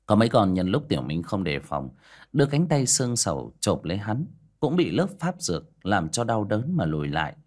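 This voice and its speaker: Brief: male audiobook narrator, low register, animated dramatic delivery. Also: brisk. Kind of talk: storytelling narration.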